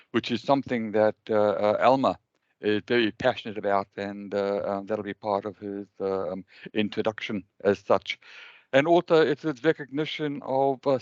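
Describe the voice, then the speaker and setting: A South African man opens an online webinar in a smooth, resonant voice, stopping often to fill gaps with ums and uhs. The sound is dry and a little muffled, like audio from a video call. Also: mid-range voice, no room sound. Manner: hesitant, many ums and uhs. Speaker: webinar host.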